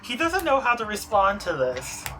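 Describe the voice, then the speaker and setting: A man's voice: high-pitched, wildly swooping pitch, normal speed, low-quality recording. A man playing a tabletop game, talking casually and describing how his character reacts. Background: soft music.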